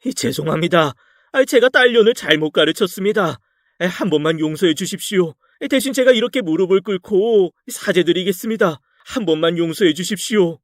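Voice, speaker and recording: A man voicing an angry, proud older father-in-law who shouts in a raised voice, recorded close and dry. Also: high voice, animated, fairly quick, no room sound, pitched above the performer's own voice. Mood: pleading.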